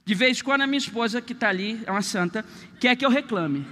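A man preaching a sermon in a church as pastor, telling humorous stories in an animated way. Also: very high-pitched, fast talker, long reverb tail, background noise. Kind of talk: sermon with storytelling.

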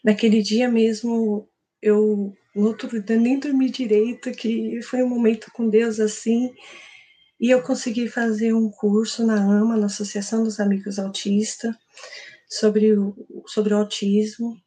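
A woman's voice: on the high side, flat delivery, a little slow, warm tone. A woman with a Brazilian Portuguese accent, giving an earnest, emotional personal testimony at church. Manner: earnest, emotional storytelling with quoted prayers.

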